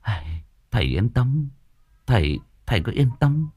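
A man plays a spoiled young son in a ghost storybook reading, whining and wheedling in a raised, lively voice. His delivery is close and dry. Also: medium pitch, unhurried, slightly rough, no echo, pitched above the performer's own voice. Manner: wheedling, theatrical wailing.

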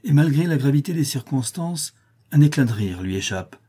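A man narrating an adventure novel as an audiobook, reading in a steady, expressive way. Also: medium pitch, normal speed, slightly rough.

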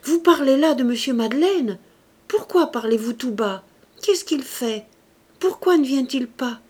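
A woman reading an audiobook, voicing a feverish, dying young mother who demands answers and then pleads softly. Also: mid-range voice, measured pace. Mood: urgent demanding. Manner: sharp, hoarse outbursts, then hushed and pleading. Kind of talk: audiobook character voice.

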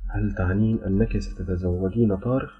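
A man's voice: low-pitched, fairly even intonation, a little fast, slightly rough. A man voicing an earnest young man smitten with a jinn girl, speaking in eager questions. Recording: dull lo-fi with faint music.

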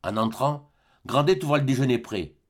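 Man reading an old novel aloud, middle pitch, steady and measured. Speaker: audiobook narrator. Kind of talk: scripted narration of a classic novel.

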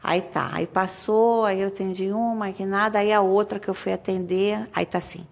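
A woman's voice: mid-range voice, steady tone, moderate pace, creaky. A woman chatting in a group, telling a personal story with hesitant restarts. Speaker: medium sharing an experience.

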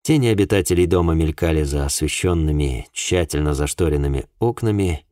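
Deep-voiced male audiobook narrator. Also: lively intonation, fairly quick, darkish tone, no room sound, clean studio sound. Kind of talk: scripted first-person narration.

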